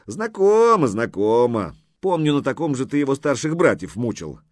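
A man voicing a jovial, boastful armored warrior in an audiobook, talking loudly and showing off. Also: mid-range voice, sing-song, normal speed, dry recording, voice pushed up, lightly acted. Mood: merry teasing.

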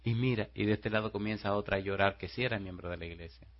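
A man preaching a sermon as pastor. He tells stories quietly and then rises into loud rhetorical questions to the congregation. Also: lowish voice, fast talker, muffled recording.

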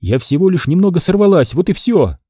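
A man playing a high-strung woman navigator, her voice pushed up high and lively as she argues urgently. Her dark, mellow tone stays close and dry in an audiobook read. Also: a little fast, husky, dry recording, exaggerated voice. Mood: pleading. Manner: urgent, strained, at times shouting. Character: tense female navigator, woman on edge. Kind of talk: audiobook character reading.

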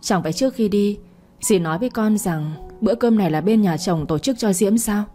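A woman's voice: mid-range voice, a little fast, mellow, faint music behind, close to an everyday voice. A woman reading a hurt, defiant young girl. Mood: retorting. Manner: choked, pleading protest. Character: eighteen-year-old girl, hurt and defiant.

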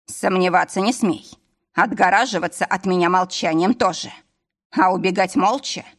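A woman reading an audiobook, voicing a drunk, jealous but loving husband who talks bluntly and roughly. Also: fairly low pitch, normal speed. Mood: earnest. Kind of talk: audiobook character voice.

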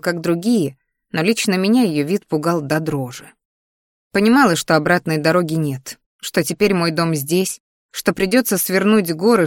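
A woman narrating a fantasy audiobook in first person, in a measured, expressive reading. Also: on the low side, dry recording, studio quality.

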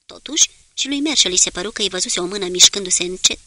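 A woman narrating a war novel as an audiobook, in a steady, measured storytelling manner. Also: medium pitch, no echo.

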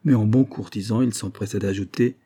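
A man narrating an audiobook in a measured storytelling manner. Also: on the low side, steady tone, mellow, slightly rough. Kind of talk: audiobook reading.

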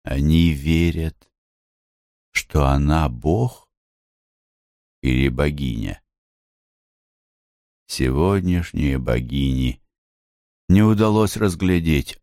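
A man narrating a literary audiobook in a measured, expressive reading. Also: extremely low pitch, dry recording, studio quality. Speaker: audiobook reader.

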